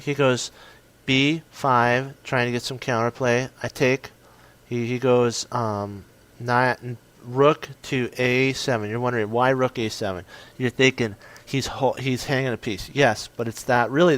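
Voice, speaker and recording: A man walking through one of his own chess games, excitable and punchy, often stopping to correct himself. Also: mid-range voice. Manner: excitable, self-correcting, punchy short phrases. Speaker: chess commentator. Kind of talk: casual game commentary.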